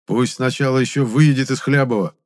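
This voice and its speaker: A man's voice: mid-range voice, steady tone, brisk, darkish tone, pitched above the performer's own voice, close to an everyday voice. Smug middle-aged town boss and cult leader, self-assured, voiced by a man.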